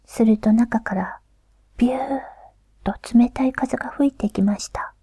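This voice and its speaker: Woman, whispered folk-tale narration, dark mellow tone, higher pitch, dry. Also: slightly rough, dry recording. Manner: soft whisper, unhurried. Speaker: storyteller.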